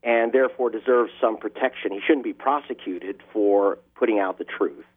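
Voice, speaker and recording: Over a tinny phone line, a journalist guest answers interview questions in a fairly low, husky voice at a moderate pace. This investigative reporter is impassioned, building emphasis on key words.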